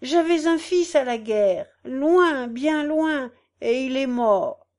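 A woman's voice: high-pitched, animated, slow pace, darkish tone, voice pushed up. Woman playing a tearful old mother. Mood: grieving. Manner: tearful, pleading. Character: grieving old woman who lost her son.

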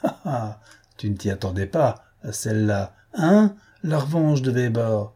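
A man's voice: mid-range voice, animated, measured pace, warm tone, breathy edge. A man reading an audiobook, voicing a menacing police officer who taunts and threatens. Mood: gloating. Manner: threatening, mocking. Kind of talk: audiobook character voice.

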